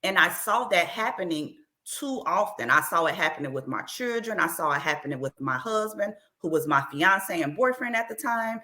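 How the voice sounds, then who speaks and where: A woman's voice: fairly low pitch, expressive, moderate pace, hardly any pauses, sharp tone. A woman author in an interview, talking openly and earnestly about her life, often repeating short phrases. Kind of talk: candid personal interview.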